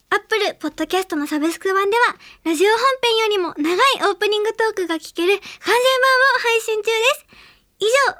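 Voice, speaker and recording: A young woman from Hiroshima hosts her own radio segment in a strikingly high, light voice. She chats earnestly with lots of little fillers. Her voice sounds close and dry, with no room around it. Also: fairly bright tone, dry recording. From Hiroshima, Japan. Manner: chatty and earnest, many small fillers. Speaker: radio show host. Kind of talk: solo radio segment talk.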